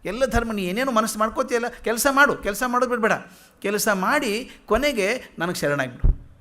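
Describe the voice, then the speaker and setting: A man with a fairly high voice lectures in a hall. He recites verses slowly, then unpacks them in plain conversational talk, posing questions to his listeners and answering them himself. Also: expressive, pushed and bright. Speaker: lecturer on philosophy. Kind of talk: public lecture explaining verses.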